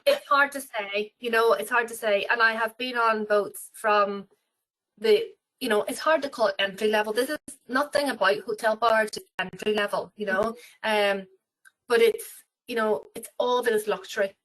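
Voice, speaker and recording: A woman's voice: a little high, normal speed, a bit bright, rough recording. A woman with an Irish accent, talking about cruises in a webinar interview, rambling with many fillers and restarts. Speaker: travel company representative.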